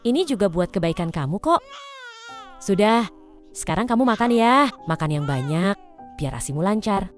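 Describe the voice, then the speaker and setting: A woman voicing a bossy, traditional older mother-in-law in an animated drama, scolding and domineering. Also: medium pitch, normal speed, pauses often, soft background music, natural voice. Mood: coaxing.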